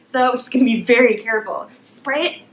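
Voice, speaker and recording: A young woman vlogger telling an embarrassing story to camera, animated and laughing as she acts it out. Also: on the high side, brisk.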